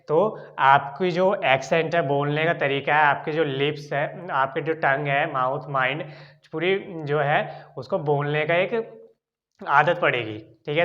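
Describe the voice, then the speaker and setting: Heard through dull audio, a fairly high, slightly bright male voice with an Indian accent walks through an English lesson one step at a time. He keeps checking in with "ठीक है," repeating it often as a filler.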